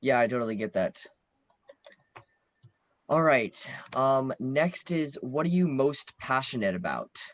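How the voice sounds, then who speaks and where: A young man, in his teens or early twenties, runs a casual interview over an online video call, sounding laid-back and a bit hesitant. His mid-range voice is animated but slightly slow, with long pauses. The call audio is dull and lo-fi, with no room sound.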